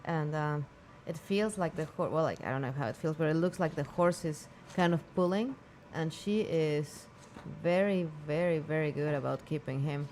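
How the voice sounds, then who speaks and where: A woman with a Latin American accent co-commentating at a show jumping event, enthusiastic and quick to praise the riders. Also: sits low, a little mellow, slight background noise. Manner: enthusiastic, laughs often, admires the riding. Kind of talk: live sports commentary, casual chat.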